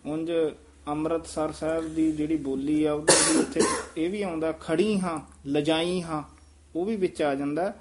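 A man teaching scripture pronunciation, correcting phrases slowly and carefully and repeating them for his students. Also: on the high side, fairly even intonation, a little mellow, a little hiss or hum. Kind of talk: pronunciation lesson.

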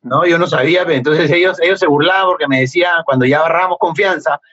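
Middle-aged Peruvian man, husky, animated storyteller with a lively, laughing delivery; dull lo-fi podcast audio. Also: fairly high pitch, fast. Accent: Peruvian Spanish. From Peru. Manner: animated, laughs often, acts out remembered dialogue. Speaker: guest, former footballer. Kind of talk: casual storytelling interview.

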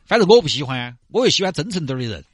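A man's voice: fairly high pitch, very animated, very fast, breathy edge, no room sound, studio quality, pitched above the performer's own voice. A man playing an envious young village man with a Sichuanese accent, grumbling sourly about a friend in a comic storytelling skit. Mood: bitter, jealous. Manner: sour, complaining.

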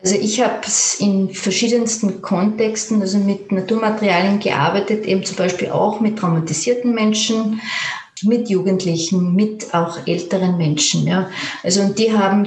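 A woman, a creative therapist who gently leads a guided imagery exercise and then answers interview questions calmly. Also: mid-range voice, normal speed, slight background noise. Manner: calm, gentle, with fillers and restarts. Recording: roomy echo.

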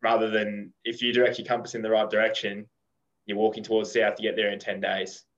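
A man's voice: on the low side, level tone, fast talker. A man on a podcast, casually talking through a long rambling analogy. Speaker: podcast guest. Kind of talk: casual chat. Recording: dull, muffled audio.

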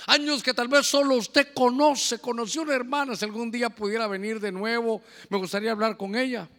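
A man's voice: very high voice, fairly even intonation, a little fast, a bit bright, long reverb tail. A male pastor preaching a sermon, swinging between fervent exclamations and chatty asides to the congregation.

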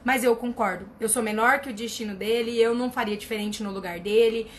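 Her pitch is fairly high and her tone steady as she talks briskly, with a little background noise behind her. Reading comments live, this family constellation therapist offers blunt, emphatic advice to viewers in a casual chat, repeating points to drive them home.

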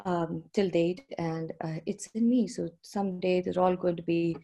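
A filmmaker from India chats freely in a conversational interview, sprinkling in frequent fillers and light laughter between remarks. Her lowish, mellow voice keeps fairly even intonation at a normal speed.

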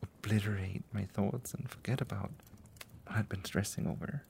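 Man playing a loving dragon partner, low gravelly voice, slow and whispered, faint typing behind. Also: fairly even intonation, slight background noise. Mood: tender. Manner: soft and whispery, tender. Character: affectionate doting male dragon lover. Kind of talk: ASMR roleplay.

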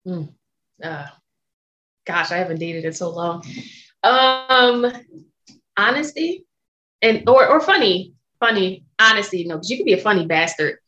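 This guest, a sommelier and entrepreneur, is an American woman in her thirties who speaks frankly and emphatically in an interview and swears freely. Her expressive, medium-pitched voice is pushed and bright, moving at a measured pace with frequent pauses. The audio is dull, with slight background noise.

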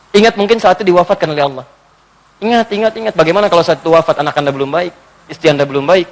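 High-voiced man preaching in an echoing hall. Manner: animated preaching, questions the audience, swings from emphatic to hushed. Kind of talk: sermon. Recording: long hall reverb.

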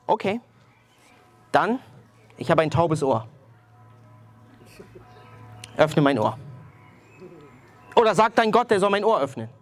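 A man's voice: on the high side, very animated, slow, long pauses, faint music behind. A man voicing a woman amazed at her sudden healing, pressing him with insistent questions. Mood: demanding.

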